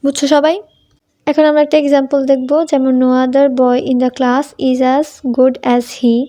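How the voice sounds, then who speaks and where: In a high voice with a level, dark tone, a young woman teaches English grammar in Bengali at a slightly slow pace. She asks her students questions, informally calling them tumi, and answers those questions herself.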